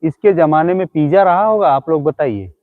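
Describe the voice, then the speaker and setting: A man's voice: a little high, normal speed. A man hosting a comic live stream, mockingly scolding and insulting imaginary ghosts with teasing jabs. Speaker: live-stream comedy host. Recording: tinny phone-like audio.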